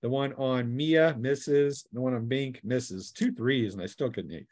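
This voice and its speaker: Here the man's pitch is medium and his tone darkish, and he keeps a measured pace. He's the game master of a tabletop role-playing game, casually making up the narration as he goes and voicing sound effects and cries.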